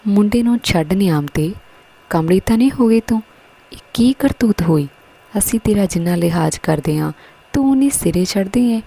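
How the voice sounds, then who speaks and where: A woman's voice: mid-range voice, expressive, normal speed, creaky, mellow, slightly rough, pitched above the performer's own voice. A woman voicing a stern, scolding middle-aged village headman in a story. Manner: scolding, commanding.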